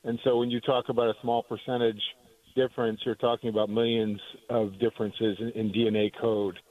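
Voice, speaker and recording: A man from Maine calling in to a radio show over the phone, talking in a halting way as he searches for words. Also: medium pitch, little pitch movement, no echo. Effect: heard over the phone. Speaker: caller. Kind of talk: call-in radio chat. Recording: tinny dry phone line.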